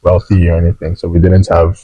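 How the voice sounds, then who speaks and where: Low-voiced relaxed man from Nigeria. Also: fairly quick, highs cut off. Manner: modest, relaxed, many fillers. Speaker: guest, startup founder. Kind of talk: casual interview chat.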